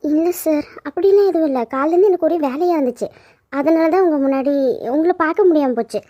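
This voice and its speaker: A woman voicing a young cartoon housemaid with a very high, thin voice. She sounds earnest and pleading as she hides her hurt. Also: fast talker, dark tone, close to an everyday voice. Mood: denying. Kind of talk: cartoon dubbing.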